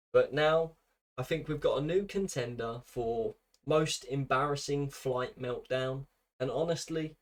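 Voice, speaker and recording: A British man narrating a commentary video in a dry, mocking way, with scripted sardonic remarks. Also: medium pitch.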